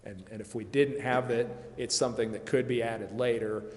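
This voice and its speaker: A consultant advising a city committee explains rules in a city council chamber, carefully qualifying his points and walking through hypothetical examples. His mid-range voice is a little mellow, with fairly even intonation and a moderate pace. The chamber is echoey, with faint background noise.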